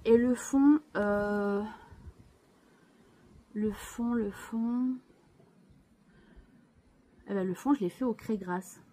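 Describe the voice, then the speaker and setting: A woman's voice: mid-range voice, very slow, pauses often, mellow. A woman hosting her scrapbooking channel, chatting casually as she shows her craft pages, hesitant and full of restarts, with chatty asides to viewers.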